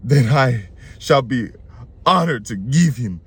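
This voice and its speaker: A man's voice: mid-range voice, animated, takes it slowly, breathy edge, no room sound, exaggerated voice. A man putting on the voice of a pompous, boastful king who brags in street slang. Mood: solemn. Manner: swaggering street-slang bragging.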